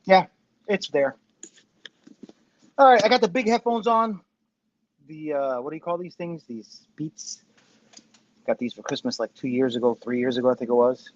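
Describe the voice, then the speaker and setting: A man's voice: on the high side, lively intonation, normal speed, pauses often. A man in his fifties hosting a casual livestream, rambling, self-deprecating and profane, with dull, tinny sound from a Bluetooth headset. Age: 50s. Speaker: host of a commentary show. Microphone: Bluetooth headphones' microphone.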